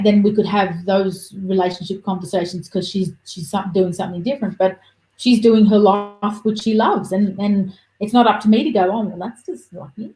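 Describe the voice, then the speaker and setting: A woman's voice: mid-range voice, warm tone, roomy sound, low-quality recording. A woman, chatting casually as a podcast guest and acting out quoted voices.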